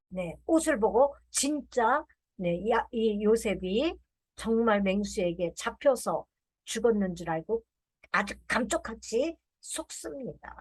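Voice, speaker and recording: Fairly high woman preaching with animated stories. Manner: animated storytelling, acts out quoted lines; drawn-out emphatic refrains. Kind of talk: sermon with folksy anecdotes.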